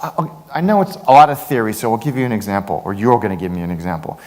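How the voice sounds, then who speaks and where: A man's voice: fast, in a large hall. A man giving a conference keynote talk, telling jokey stories with big swings in his voice. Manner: animated, jokey storytelling with big pitch swings. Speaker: keynote speaker. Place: large conference hall.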